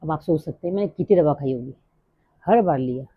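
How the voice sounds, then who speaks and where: A middle-aged woman talking fast and rambling in a casual personal vlog. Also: deep voice, lively intonation, breathy edge. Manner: rambling, drifts off topic. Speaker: vlogger. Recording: dry, tinny phone-like sound.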